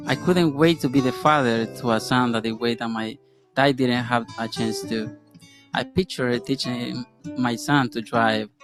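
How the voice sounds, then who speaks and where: A man from El Salvador narrates his story as a father in an earnest, measured way. Clear plucked guitar plays behind his voice in this played-back video. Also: mid-range voice. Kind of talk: scripted personal narration. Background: guitar music.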